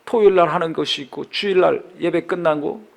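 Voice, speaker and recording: A man's voice: on the high side, a little fast, creaky. A middle-aged male pastor reading scripture and then preaching a sermon, posing questions and answering them.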